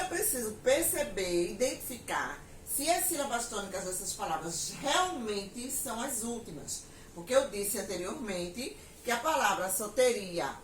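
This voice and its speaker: A woman teacher with a Pernambuco accent gives a lesson, dictating words and sentences slowly. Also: medium pitch, slight background noise. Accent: Pernambuco Portuguese. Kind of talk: recorded classroom lesson. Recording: echoey room, mic at a distance, faint ambience.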